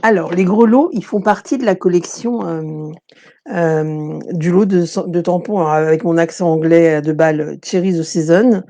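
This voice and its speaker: A woman leads a live crafting tutorial in a loose, chatty way. Her tone is mellow and relaxed. She keeps drifting off into asides and restarting her sentences as she explains the work. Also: on the low side, normal speed. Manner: chatty, digressive, many fillers and restarts. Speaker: crafting demonstrator.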